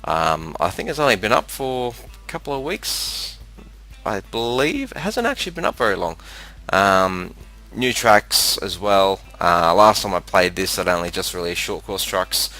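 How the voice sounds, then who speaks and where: An Australian man with a very low but forceful, bright voice talks casually over a screen capture. His delivery is halting and rambling. The sound comes from a cheap, ordinary headset microphone with a slightly crackly quality. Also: very animated, soft background music. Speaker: video game presenter. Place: room with a fan running.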